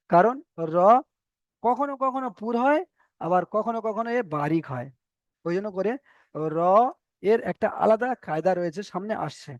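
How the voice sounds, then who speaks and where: A man teaching Arabic letter pronunciation in an online lesson, slowly repeating each letter with its vowel mark. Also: high-pitched, darkish tone, no echo, lo-fi sound. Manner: slow drilling of letter sounds, repeating each pair. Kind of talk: online Quran reading lesson.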